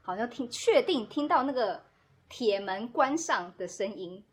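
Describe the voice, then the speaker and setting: Woman, kinda husky, high-ish voice, chatty guest acting out every line of her story. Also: measured pace. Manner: animated, acts out quoted dialogue, laughs often. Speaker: podcast guest. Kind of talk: casual storytelling chat.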